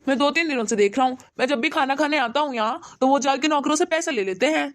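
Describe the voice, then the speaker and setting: A woman's voice: high voice, fast talker, natural voice. A woman voicing an angry younger brother in a cartoon story, complaining indignantly. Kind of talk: animated cartoon voice acting.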